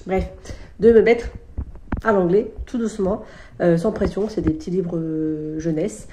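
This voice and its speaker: Mellow-voiced woman chatting about books. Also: on the low side, fairly even intonation, reverberant, a little hiss or hum. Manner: chatty and unhurried, often pausing to find words. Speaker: book vlogger. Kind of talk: casual chat about books she is reading.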